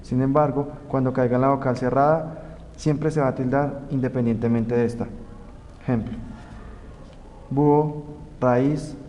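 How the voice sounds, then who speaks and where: A young man from Colombia reads out spelling rules and example words one by one, slow and deliberate like a class presentation. His voice carries a lingering reverb with a faint noise underneath. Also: mid-range voice, fairly even intonation, mellow, highs cut off. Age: young adult. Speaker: student presenter. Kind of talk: reading a grammar tutorial.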